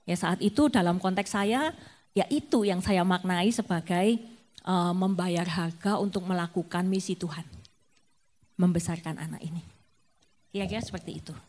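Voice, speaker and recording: A woman's voice: fairly low pitch, moderate pace, darkish tone. Chatty middle-aged woman giving testimony. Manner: conversational, heavy with fillers and tag phrases. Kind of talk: personal testimony in a casual talk.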